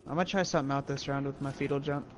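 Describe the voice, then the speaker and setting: Dude talking fast on a headset calling out enemies, gunshots all over behind him. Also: male voice, medium pitch, fairly even intonation, a little hiss or hum. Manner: rapid team callouts. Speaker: teammate. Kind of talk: casual gaming chat. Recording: game gunfire behind. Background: gunfire and explosions.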